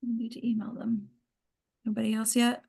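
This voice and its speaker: On the high side yet gravelly, mellow and husky, this woman's voice has a flat delivery at normal speed. As host of an acting table read, she chats casually while waiting, trailing off as she checks who's there.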